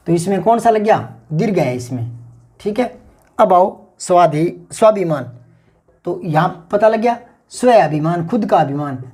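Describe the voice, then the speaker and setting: Patiently explaining grammar as if in a classroom, this man has a high, slightly mellow voice. He repeats the key words out loud so they sink in.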